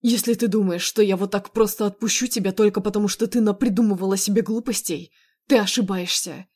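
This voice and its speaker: A possessive, hot-tempered young man, loud and insistent, read by a woman in an audiobook. He pleads and shouts with heavy emotion in a medium-pitched voice. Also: fairly even intonation, brisk, natural voice. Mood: angry pleading. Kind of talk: audiobook dialogue reading.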